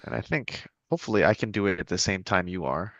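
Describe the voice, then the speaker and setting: Guy w/ a bright forceful voice, curious, asking questions, dry close sound. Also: low voice, fast talker, dry recording, muffled recording. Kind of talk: casual chat.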